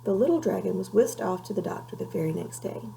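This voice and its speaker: A woman reading a children's storybook aloud in an expressive, measured way, pausing for dramatic effect. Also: mid-range voice, vocal fry, slight background noise, low-quality recording. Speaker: storybook reader.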